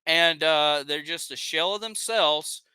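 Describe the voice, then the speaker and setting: A man's voice: on the high side, unhurried, pushed and bright, smooth, dry recording. A man with a Southern accent hosting a live stream, ranting heatedly and reading chat comments aloud. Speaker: live show host.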